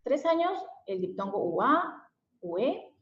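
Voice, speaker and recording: Speaking a bit slowly but with great animation, this mid-range female voice belongs to a special education teacher from Mexico. She explains a lesson, sprinkling in fillers and tag questions often. The room echoes, and the sound quality is dull and lo-fi.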